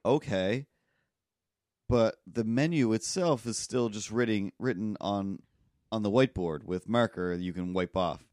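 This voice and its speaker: A man, co-hosting a podcast, telling a long rambling story in casual chat and acting out people yelling in loud bursts. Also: on the low side, measured pace, no room sound, clean studio sound. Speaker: podcast co-host.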